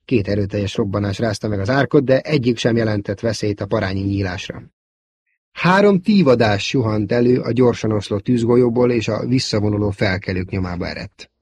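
Brief: male audiobook narrator, low husky voice, dry close sound, steady storytelling. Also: no echo. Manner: measured storytelling. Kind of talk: scripted narration.

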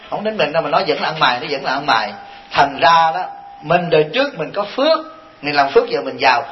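A man's voice: high-pitched, slight background noise. A man, a Buddhist monk giving a folksy, joking dharma talk full of rhetorical questions. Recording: dull lo-fi recording.

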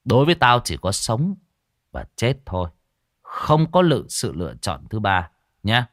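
A man voicing a stern, menacing young male exorcist in a ghost story, growling threats in a low voice. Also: big pitch swings, normal speed, a bit bright, dry recording, studio quality. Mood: cold.

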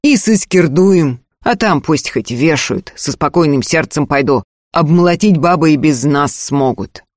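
A man reading an audiobook, voicing a stern, hot-tempered older peasant father who scolds in loud bursts. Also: a little high, expressive, measured pace, no echo, clean studio sound. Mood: fierce.

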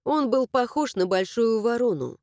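A woman narrating a first-person fantasy audiobook with a lively, swooping, fairly high voice. Her tone is mellow and warm, and the read is dry and close to the mic. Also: moderate pace, no room sound. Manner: expressive, animated storytelling.

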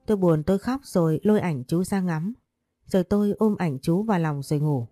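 A woman's voice: on the low side, brisk, warm tone, no echo, faint music behind. A woman narrating a first-person romance story in an earnest, emotional way.

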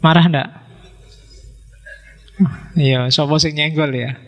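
A male philosophy lecturer speaks in a relaxed, conversational way and keeps asking his audience rhetorical questions. His voice sits on the higher side for a man. The sound carries a long reverb from the lecture hall. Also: slow, muffled recording. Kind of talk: casual public lecture.

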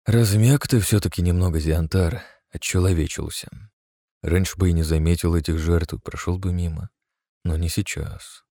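A man voicing an arrogant, bloodthirsty male mage who mocks his foes and shouts in mad glee. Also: low-pitched, steady tone, normal speed, no echo, clean studio sound. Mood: wry. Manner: mocking, then wild manic shouting.

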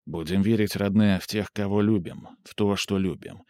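A man reading aloud and voicing a brooding, quick-tempered young man, low and intense. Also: steady tone, darkish tone, no room sound, studio quality, close to an everyday voice.

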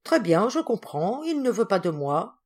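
A woman voicing an irritable, meddling older spinster cousin who talks in a sharp, indignant way in a storybook reading. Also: medium pitch, very animated, unhurried.

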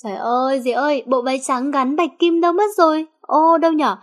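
A playful schemer of a teenage girl , as a woman reader puts her on, teasing her friends with mock alarm. Her voice sits a little high. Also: brisk, natural voice.

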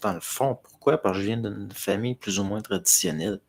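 A man's voice: fairly low pitch, animated, fairly quick, creaky, breathy edge. A middle-aged man with a Québécois accent, chatting casually on a livestream and answering viewer comments in a rambling, hesitant way. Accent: Québécois French. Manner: hesitant, many fillers and restarts, talking to chat.

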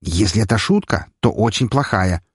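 A man's voice: fairly low pitch, animated, moderate pace, slightly rough, no echo, studio quality. A man voicing a blunt, commanding young male hero who speaks curtly and barks orders. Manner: curt, barking orders.

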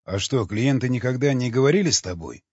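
A man reading an audiobook, voicing a cynical, mocking cannibal who teases and calmly questions. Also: medium pitch, fairly quick, breathy edge, no room sound. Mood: cool questioning. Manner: sardonic, teasing, calmly questioning. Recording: dull lo-fi recording.

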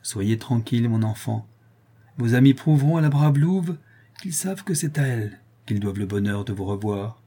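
A man's voice: medium pitch, animated, moderate pace, warm tone, husky. A man reading an audiobook and voicing a tender, effusive noblewoman. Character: warm, eager aristocratic lady, motherly.

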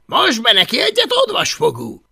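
Man doing a shouting bully Viking boy. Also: extremely high pitch, wildly swooping pitch, vocal fry, slightly rough, voice pushed up, full character voice. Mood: bossy shouting. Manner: shouting, domineering. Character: bossy loud teenage Viking boy bully.

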